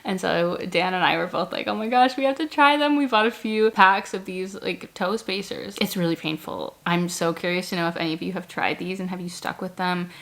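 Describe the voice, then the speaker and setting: A woman's voice: lowish voice, fairly even intonation, normal speed, vocal fry, few pauses, fairly bright tone. A woman chatting casually and effusively as a vlogger, with a slight lisp from wearing retainers. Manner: effusive, gushing about products. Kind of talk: casual chatty product vlog. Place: bedroom, on the bed.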